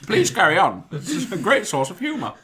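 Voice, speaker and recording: A woman's voice: on the low side, wildly swooping pitch, a little fast, crowd noise. A woman with an English accent playing a tabletop game, giggly and theatrical in casual chat. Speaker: player.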